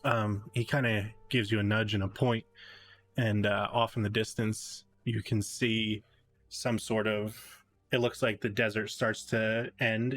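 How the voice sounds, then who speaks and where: A man narrating as game master of a tabletop game, halting with many fillers. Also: lowish voice, a bit bright.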